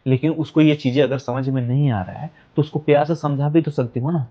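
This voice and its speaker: A man's voice: on the high side, fairly even intonation, fairly quick. A man playing an elder brother who scolds his wife and sister-in-law for fighting, in an amateur family drama. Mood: scolding. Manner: lecturing, scolding. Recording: dull lo-fi sound with faint music.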